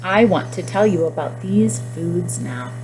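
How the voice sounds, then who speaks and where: A woman's voice: lowish voice, lively intonation, measured pace, music in the background, low-quality recording. A woman voicing a helpful female storybook rabbit who teaches children about food in an encouraging, instructive way. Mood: upbeat.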